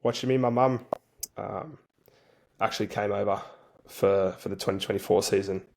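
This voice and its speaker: A man's voice: lowish voice, steady tone, normal speed, vocal fry, a little mellow. A man speaking as an interview guest, telling stories in a laid-back, colloquial way with plenty of slang. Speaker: interview guest, rugby league player for a national team. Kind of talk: casual interview storytelling.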